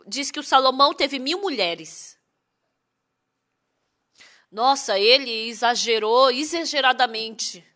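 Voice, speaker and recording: A woman interpreting a sermon in a lively way, full of rhetorical questions. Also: high-pitched, takes it slowly, long pauses.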